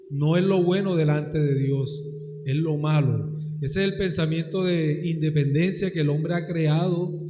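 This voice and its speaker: A man speaks from the floor into a handheld microphone, and his voice rings around a large hall with a long, booming echo. He talks slowly in a dark, mellow tone and often stops to restart his words. A faint murmur of the room sits behind him. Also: slight background noise. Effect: loud hall echo on a room microphone. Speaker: student asking a question. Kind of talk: question from the floor in a Bible class.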